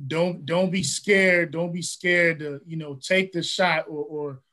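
A man's voice: fairly high pitch, steady tone, a little slow, bright, forceful tone. A man hosting a podcast, asking a guest questions with a lot of "you know" and repeated words. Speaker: podcast host. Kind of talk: interview questions.

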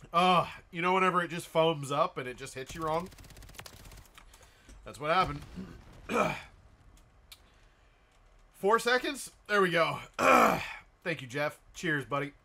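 A man's voice: a little high, pushed and bright. An American man chatting casually on a livestream, rowdy and jokey, swearing freely. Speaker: live streamer. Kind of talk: casual, profane livestream chat.

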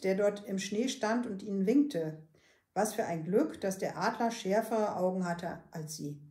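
A woman, a librarian, reading a children's book aloud with calm, steady storytelling. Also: mid-range voice, reverberant.

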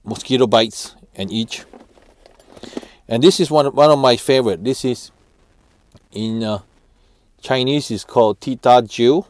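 A man in his thirties giving family road-trip tips in a casual, halting way, with many fillers and restarts, recorded on a lapel mic. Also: medium pitch, a little mellow, no echo. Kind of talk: casual how-to talk. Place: office room, then parked car.

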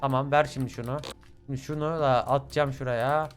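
A man's voice: mid-range voice, steady tone, fairly quick, background noise. A young man commentating a horror game, swearing often and shrieking at scares. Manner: swears a lot, yells and shrieks at jumpscares. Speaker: gaming YouTuber. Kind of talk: let's play commentary.

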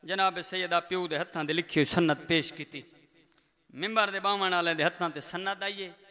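High, bright man chanting a mournful sermon. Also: fairly even intonation, normal speed. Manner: tearful chanting lament. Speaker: religious orator at a mourning gathering. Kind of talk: mournful sermon recitation, sung and wailed. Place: large prayer hall. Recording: long reverb of a large hall.

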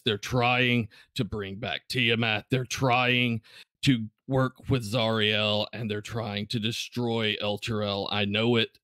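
Man playing a grave leader of veteran riders, low, serious, urgent, dry sound. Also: a bit bright, no room sound.

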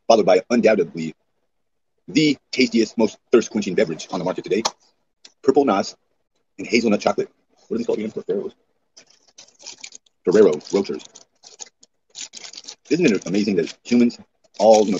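A man's voice: on the low side, darkish tone, muffled recording, a little hiss or hum. A man livestreaming in casual, rambling chat, often profane.

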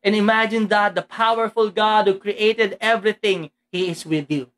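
A woman preacher with a Filipino accent giving an animated sermon, moving between Tagalog and English and often asking her listeners direct questions. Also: medium pitch, normal speed. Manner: animated, mixes Tagalog and English, acts out quoted speech; asks the congregation direct questions.

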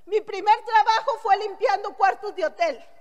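A woman's voice: very high voice, moderate pace, a little mellow, long reverb tail, muffled recording. A middle-aged Mexican woman giving a blunt, earthy, joking testimonial speech to an audience. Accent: Mexican Spanish. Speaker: motivational speaker.

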